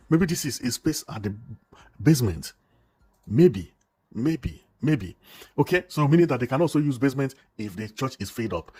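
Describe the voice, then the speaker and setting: A man's voice: lowish voice, darkish tone. A man narrating a building tour, exclaiming and repeating himself with enthusiasm. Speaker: vlogger.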